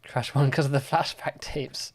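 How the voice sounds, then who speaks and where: A young man hosting a live-stream quiz speaks in a mid-range voice with fairly even intonation and a moderate pace. He chats casually, leaning on lots of fillers as he reads and answers viewer comments.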